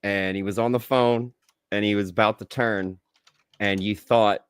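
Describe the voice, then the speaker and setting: A man playing an easygoing young Spider-Man superhero, chatting casually and a little haltingly as a podcast guest reviewing a film. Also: fairly low pitch, fairly even intonation, smooth, no echo, close to an everyday voice. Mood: enthusiastic.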